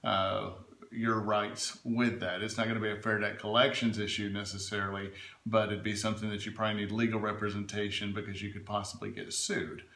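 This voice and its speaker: Male adviser, lowish forceful voice, emphatic explainer in a conversational interview, roomy sound. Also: level tone, fairly quick, vocal fry. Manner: emphatic, checks in with "right?" and "okay?". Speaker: legal adviser being interviewed. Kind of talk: informal explanatory interview answers. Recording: echoey room.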